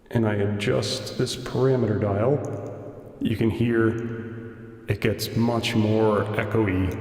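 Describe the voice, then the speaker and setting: A man's voice: lowish voice, a little mellow. A man casually demoing a new audio mixer in his video, rambling along with lots of fillers and restarts. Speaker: YouTube vlogger demoing a mixer. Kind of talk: casual equipment demo.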